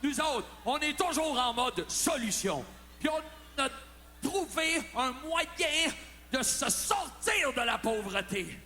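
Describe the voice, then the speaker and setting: A man with a Quebec French accent doing loud, swearing, mock-serious comedic banter between songs at a live concert. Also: extremely high pitch, animated, slow pace, in a large hall, soft background music. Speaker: singer and frontman. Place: concert venue stage.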